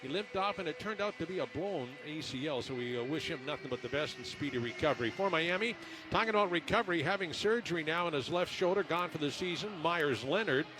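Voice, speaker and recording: A man commentating on a basketball pre-game show as the radio broadcaster, in a conversational, halting way. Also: on the high side, lively intonation.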